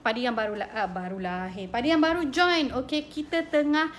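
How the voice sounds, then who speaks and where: A Malaysian woman in her thirties, a mother hosting a casual parenting talk, lively and switching between Malay and English. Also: a little high, brisk, a little hiss or hum. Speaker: host and mother.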